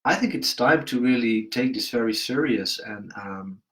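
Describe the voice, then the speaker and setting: A man from Brabant with a Dutch accent, co-hosting a casual livestream from home, speaking calmly and reflectively with hesitant pauses. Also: mid-range voice, poor audio. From Brabant, Netherlands. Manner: calm, reflective, hesitant fillers. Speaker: coaching show host. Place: room at home.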